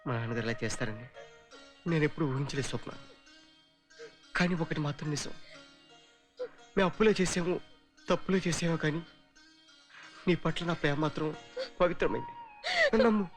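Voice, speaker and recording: A man's voice: extremely high pitch, very animated, a little fast, pauses often, pushed and bright, faint music behind, full character voice. An actor playing a lovesick young man who talks in melodramatic, pleading film dialogue. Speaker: film hero.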